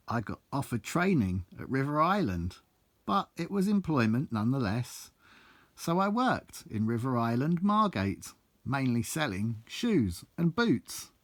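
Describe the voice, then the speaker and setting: In a recording with no room sound, a medium-pitched man recites rhyming verse about his own life. He is the author reading his book, and his delivery is theatrical, blunt and sweary.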